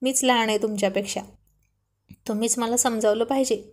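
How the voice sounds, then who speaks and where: A woman's voice: fairly high pitch, fairly even intonation, a little fast, a little mellow, lightly acted. A woman voicing a sulky, loving young wife pleading with her husband in a Marathi storybook reading. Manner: pleading and coaxing.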